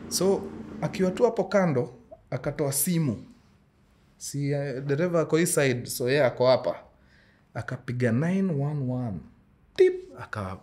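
A man in his thirties with a Kenyan accent tells a story in a casual, slangy way. His pitch is mid-range but swings widely as he slips expressively into dialogue. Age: 30s. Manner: expressive, acting out dialogue with hand gestures. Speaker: storyteller host. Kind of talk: casual animated storytelling in Swahili-English slang. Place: furnished indoor lounge.

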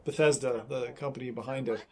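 A middle-aged man with a creaky voice, casually explaining things in conversation as a streamer hosting a gaming chat. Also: medium pitch, steady tone, fast talker, crowd noise. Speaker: streamer and host. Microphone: binaural recorder, seated in headset.

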